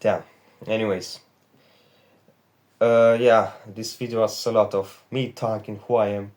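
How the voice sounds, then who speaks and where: This trading vlogger, an 18-year-old Romanian with a matching accent, speaks a little slowly in a lowish, level, slightly mellow voice. He's confessing candidly into a phone's back camera in his bedroom, rambling and swearing as he goes.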